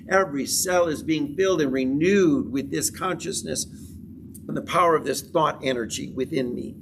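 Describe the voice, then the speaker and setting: A man teaching a spiritual class, speaking in slow, measured phrases and repeating affirmations. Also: fairly high pitch, distant mic, noisy background.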